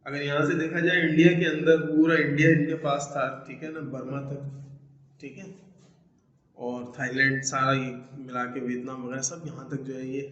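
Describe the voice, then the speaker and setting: A male teacher giving an online lesson, explaining in Urdu-Hindi, reading English sentences slowly and checking in with "theek hai" often. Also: mid-range voice, level tone, fairly bright tone. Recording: echoey room, dull lo-fi sound.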